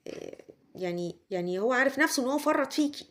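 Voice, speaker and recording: A fairly high-voiced woman with an Egyptian accent reads tarot cards, talking straight to the listener. She circles back over the same points again and again. She slips into quick acted snippets of what other people say. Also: lively intonation, a little hiss or hum. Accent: Egyptian Arabic. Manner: repetitive, speaks straight to the listener, acts out quoted lines. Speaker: tarot reader. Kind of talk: tarot reading monologue to the viewer.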